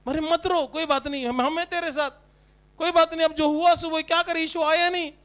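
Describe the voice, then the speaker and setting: A man voicing a fussy woman mourner who repeats soft, hushed words of comfort to grieving sisters. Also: very high-pitched, steady tone, a little fast. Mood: fussy consoling. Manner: soft, hushed, repetitive soothing.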